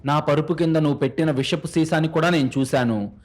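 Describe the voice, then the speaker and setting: A man's voice: fairly high pitch, brisk, a little mellow, natural voice. A man voicing a betrayed young adopted son who speaks bitterly and mockingly, in a narrated crime story. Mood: enraged.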